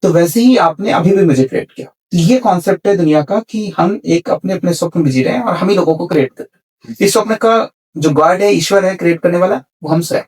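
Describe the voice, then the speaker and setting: A man's voice: high voice, quick pace, darkish tone, far from the mic. A man on a podcast explaining spiritual ideas in a conversation, repeating key words and mixing in English terms. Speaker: spiritual speaker.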